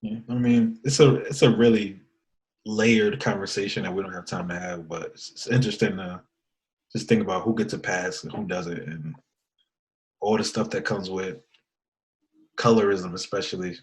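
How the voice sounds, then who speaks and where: A man with a somewhat low voice, co-hosting a podcast. He chats casually and thoughtfully, letting sentences trail off and starting them again. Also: steady tone, moderate pace, rough recording. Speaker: podcast co-host. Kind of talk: casual chat.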